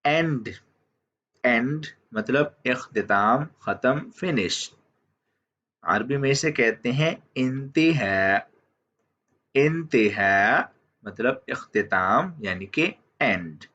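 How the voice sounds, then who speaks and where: Slow, patient male language teacher. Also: mid-range voice, expressive, sharp tone. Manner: repeats each word slowly, often says "theek hai". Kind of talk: slow vocabulary lesson. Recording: dull lo-fi audio.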